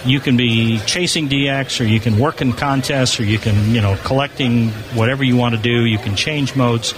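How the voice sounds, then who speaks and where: This mid-range male voice moves at a normal speed as an American spokesman for an amateur satellite organization answers interview questions with informal enthusiasm. The setting is an exhibition booth in a convention hall. Crowd noise from the busy floor can be heard throughout.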